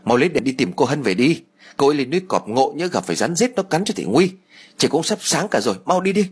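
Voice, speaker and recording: A man's voice: fairly high pitch, very animated, fast talker, slightly rough, voice pushed up. A man voicing a bossy village neighbor woman urging everyone to hurry. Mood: urgent. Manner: urging, commanding.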